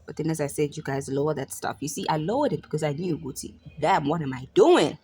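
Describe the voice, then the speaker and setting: A young South African woman talks fast, her low, mellow, husky voice full of lively intonation. As a cooking vlogger giving a casual tutorial, she guides viewers through a recipe with playful sing-song chanting while she stirs.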